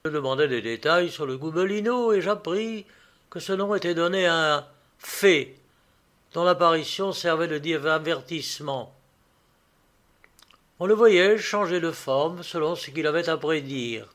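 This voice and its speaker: A man reading a literary story aloud in a measured, even storytelling manner. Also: fairly high pitch. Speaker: narrator.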